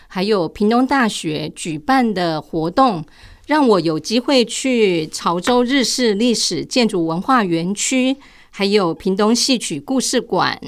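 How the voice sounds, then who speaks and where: An older woman, now retired, speaks with a Taiwanese Mandarin accent as she answers interview questions in a conversational way. As the guest, she shares her own experiences in a medium-pitched voice.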